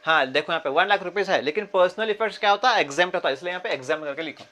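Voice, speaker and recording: A man with a Kannada-region Indian English accent teaches commerce in a fairly high voice. He keeps asking his class questions and repeating key terms, slowing down whenever he reads a problem aloud in English. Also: sharp tone. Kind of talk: classroom lecture.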